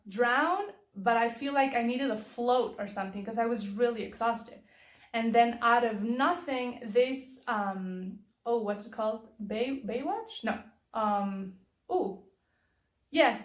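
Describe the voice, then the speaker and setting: Chatty woman telling faith stories, echoey. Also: fairly high pitch. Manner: rambling storytelling with many restarts. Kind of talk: casual personal testimony. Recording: roomy echo.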